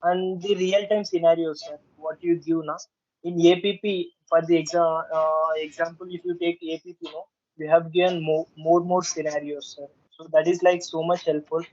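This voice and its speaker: A man's voice: on the high side, level tone, moderate pace, darkish tone. A male student with a Telugu Indian accent giving hesitant, deferential feedback and saying sir very often. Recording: muffled online call.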